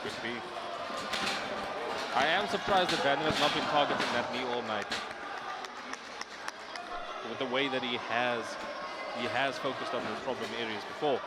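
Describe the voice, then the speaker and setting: A man's voice: mid-range voice, normal speed, pauses often, heavy background noise. A man giving conversational colour commentary on a wrestling match. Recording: loud crowd and music behind commentary.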